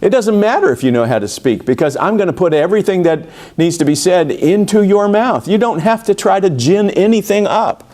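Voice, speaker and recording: A man's voice: high-pitched, animated, brisk, few pauses, warm tone, voice pushed up. A man voicing God as an insistent figure who reassures Moses that his speech does not matter.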